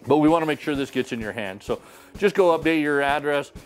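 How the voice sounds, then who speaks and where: Middle-aged guy running a prize drawing, chatty and folksy, kinda high voice, little music under it. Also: brisk, clear, resonant tone. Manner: folksy, upbeat, names winners and towns. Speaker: host of a membership sweepstakes drawing. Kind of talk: casual announcing to camera. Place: wood-paneled trophy room indoors.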